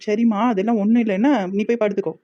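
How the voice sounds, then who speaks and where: A woman voicing a cheeky young village woman in a cartoon, with a Tirunelveli Tamil accent, talking back quickly. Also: medium pitch, flat delivery, warm tone, lo-fi sound, close to an everyday voice. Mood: sassy. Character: sassy young village woman, elder daughter.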